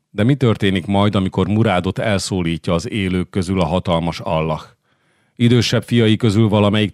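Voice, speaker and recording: A man narrating an audiobook in a steady, measured reading voice. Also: sits low, no room sound, studio quality. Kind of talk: scripted narration.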